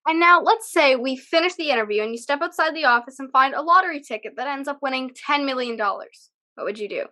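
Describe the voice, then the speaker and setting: A woman hosting a casual interview over a video call, chatty and quick to laugh and exclaim. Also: high voice, expressive, bright, forceful tone. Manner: giggly, chatty, exclaims easily. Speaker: host.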